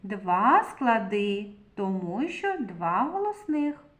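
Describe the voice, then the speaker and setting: A woman teaching preschoolers letters and sounds in a deliberate, sing-song, patient way. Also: medium pitch, sing-song. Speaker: kindergarten teacher. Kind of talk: slow, clearly articulated preschool literacy lesson.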